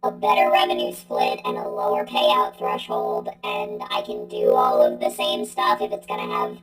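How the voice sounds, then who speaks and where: A woman's voice: rumbling low, monotone, moderate pace, over loud music, pitched below the performer's own voice, low-quality recording. A woman speaking through a robot voice changer that turns her into a robot child, chatting in a rambling way. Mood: flat robotic. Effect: robot voice changer filter.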